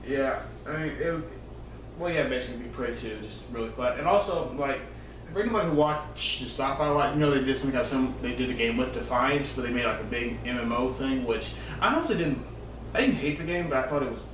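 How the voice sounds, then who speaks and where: A man co-hosting a video rambles emphatically about his opinions in a casual, unscripted gaming discussion. His mid-range voice has lively intonation and a quick pace. The recording is roomy with a distant mic and faint noise.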